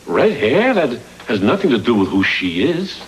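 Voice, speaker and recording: Actor as an animated, earnest, awkward doctor. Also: male voice, mid-range voice, slight background noise, close to an everyday voice, low-quality recording. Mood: exasperated, pleading. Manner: halting, stammering, pleading. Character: well-meaning, awkward, earnest male pediatrician.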